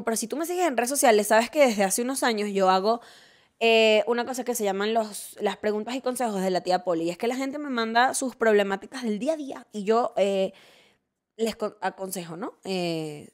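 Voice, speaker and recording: Speaking at a medium pitch, a woman with a Venezuelan Spanish accent hosts a podcast as a casual monologue. She's chatty, animated and opinionated, ranting playfully and wandering through asides and frequent restarts.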